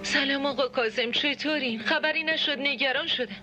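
A woman's voice: high-pitched, music in the background, natural voice, rough recording. An actress playing a polite, anxious female relative calling about a missing person in a dubbed drama. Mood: worried. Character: worried female relative on the phone.

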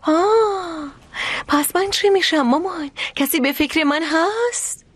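A woman dubbing a troubled young woman in a television drama, speaking plaintively. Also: very high-pitched.

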